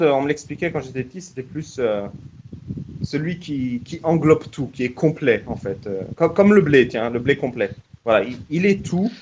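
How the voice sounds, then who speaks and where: A man's voice: mid-range voice, darkish tone, a little hiss or hum. A man hosting a casual live audio chat, joking and often restarting his sentences. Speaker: host.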